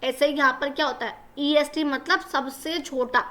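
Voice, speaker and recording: A woman's voice: high voice, fairly even intonation, moderate pace, bright, forceful tone. A woman teacher explains a lesson to children, patiently repeating each point and asking the class questions.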